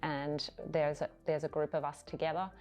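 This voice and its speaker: A woman with an Australian accent, speaking in a friendly, steady way in a corporate interview. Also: sits low, moderate pace. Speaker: IT project specialist. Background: soft music.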